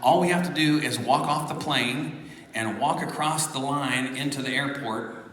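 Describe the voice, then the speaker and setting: A man's voice: mid-range voice, measured pace. Man telling a story in a church hall. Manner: animated storyteller, drops to a hushed voice. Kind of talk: storytelling between songs at a concert. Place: large church hall with an audience. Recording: echoey church hall, crowd reacting. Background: audience responses.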